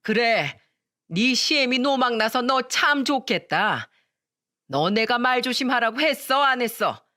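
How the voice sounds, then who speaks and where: A woman's voice: sing-song, bright, forceful tone, full character voice. A woman reading a story voices an enraged older mother-in-law scolding her daughter-in-law. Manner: shrill, scolding rapid questions.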